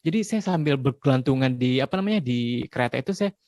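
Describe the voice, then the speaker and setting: A man in his forties giving a parenting talk in a relaxed, conversational way, dropping frequent tag questions. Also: medium pitch, quick pace, no room sound, clean studio sound. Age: 40s. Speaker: parenting speaker.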